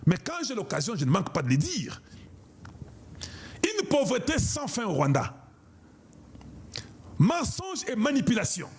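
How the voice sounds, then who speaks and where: A man's voice: high-pitched, wildly swooping pitch, measured pace, pauses often, slightly rough. A man from Congo, giving an impassioned political monologue in an emphatic, declamatory way and repeating himself for emphasis. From Congo (DRC). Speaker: online political commentator.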